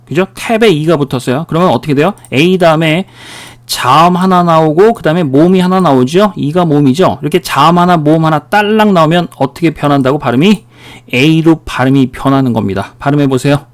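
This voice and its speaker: A man's voice: fairly high pitch, a little fast. A man giving a recorded English pronunciation lecture, drilling words and asking the listener questions as he goes. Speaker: English teacher.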